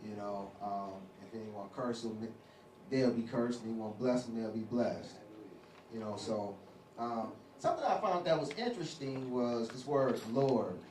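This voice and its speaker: A man's voice: mid-range voice, lively intonation, unhurried, a little mellow. Man, Bible study teacher, casual, rambling, filler-heavy, echoey room, far from mic. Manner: rambling, full of "you know" fillers. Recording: roomy, distant, faint hiss.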